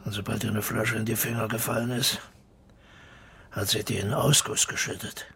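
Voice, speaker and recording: An actor in a naturalistic radio drama plays a gruff, bitter, widowed old drinker defending his friend, speaking bluntly and colloquially in terse fragments. The mood is brooding and reminiscent, and his full character voice is fairly low, creaky, sharp, and breathy-edged, with little pitch movement at normal speed.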